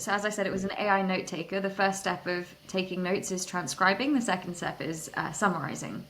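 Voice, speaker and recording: A woman's voice: mid-range voice, fairly bright tone. A young adult woman, a startup founder, telling her story in a candid, self-deprecating way with frequent restarts. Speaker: startup founder, interview guest. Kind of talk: conversational storytelling interview.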